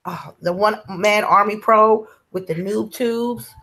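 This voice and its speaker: A woman's voice: medium pitch, takes it slowly, sharp tone, rough recording. A woman hosting a casual gaming podcast over a call, talking in an enthusiastic, slangy way. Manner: enthusiastic, slangy gamer talk. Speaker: podcast host.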